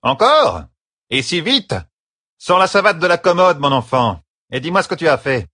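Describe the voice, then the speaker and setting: A man's voice: medium pitch, sing-song, brisk, fairly bright tone, breathy edge, dry recording, clean studio sound, voice pushed up. A man voicing a stern woman disciplinarian who speaks in a grim, menacing way. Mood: exasperated. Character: stern older woman disciplinarian, mistress of novices.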